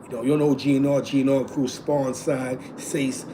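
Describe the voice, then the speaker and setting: A man's voice: medium pitch, little pitch movement, normal speed, background noise. A man in his forties with a New York accent, telling neighborhood stories in a rambling, repetitive way and filling gaps with "you know what I'm saying". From East Harlem, New York. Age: 40s. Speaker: show host. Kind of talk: casual streetwise storytelling.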